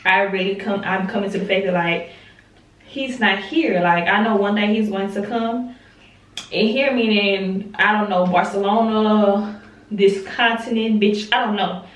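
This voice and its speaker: A woman's voice: mid-range voice, fairly even intonation, unhurried. A young woman, talking candidly to camera in a casual vlog, swearing freely and drawing out her words. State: talking with a lozenge in her mouth. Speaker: vlogger. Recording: roomy and distant with faint noise.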